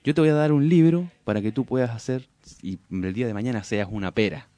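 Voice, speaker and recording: A man's voice: mid-range voice, fast, mellow, no room sound, natural voice. A man doing a scheming snake. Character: scheming snake, ill-intentioned.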